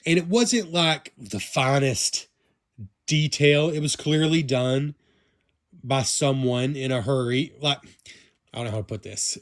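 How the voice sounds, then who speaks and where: Speaking a little slowly at medium pitch, a Southern-accented man from the southern United States muses to himself while handling a vinyl toy. His laid-back review wanders, packed with fillers and self-corrections.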